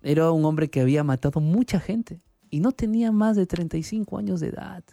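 A man's voice: fairly high pitch, brisk, creaky, mellow, dry recording. A male pastor telling a testimony and preaching in an earnest, emphatic way.

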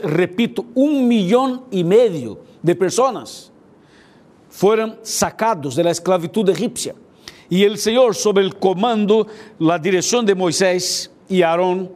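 A man's voice: high voice, darkish tone. A man preaching a sermon, retelling a Bible story and often checking in with his listeners through questions. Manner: repetitive, asks listeners "ok?" and "viste?".

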